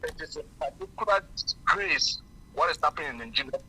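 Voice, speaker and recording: Male caller on a car speakerphone, higher-pitched and very bright, halting delivery over a thin phone line. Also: huge pitch swings, vocal fry, breathy edge. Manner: hesitant, many fillers and restarts. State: driving while talking. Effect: car speakerphone call. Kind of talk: call-in radio talk.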